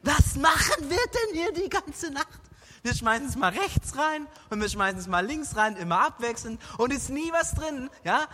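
A grumpy, fed-up grown fisherman, as a storyteller puts him on, grumbling in exasperation. His voice sits high and bright. The sound rings in a long hall reverb. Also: sing-song, moderate pace, a little hiss or hum, exaggerated voice. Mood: irritated. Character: grumpy frustrated adult male fisherman.

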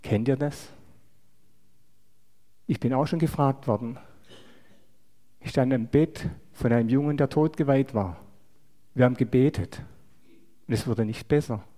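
Mellow-voiced man preaching in a reverberant hall. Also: mid-range voice. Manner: measured, asks the listeners rhetorical questions. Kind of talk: sermon.

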